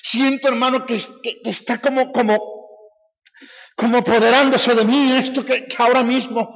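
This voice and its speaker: A man voicing an excitable male preacher who gushes about feeling the Spirit, with breathless, repetitive exclamations, in an echoey hall on a dull, lo-fi recording. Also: very high-pitched, normal speed, gravelly, pitched above the performer's own voice, heavily acted. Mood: fervent.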